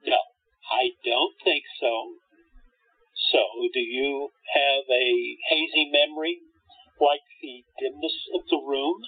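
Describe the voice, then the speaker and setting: A man's voice: mid-range voice, steady tone, slow, husky, no echo. Man playing a grumpy, sarcastic harlequin, phone-like sound. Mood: teasing. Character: grumpy, sarcastic male harlequin doll, lonely and afraid. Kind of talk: radio play acting.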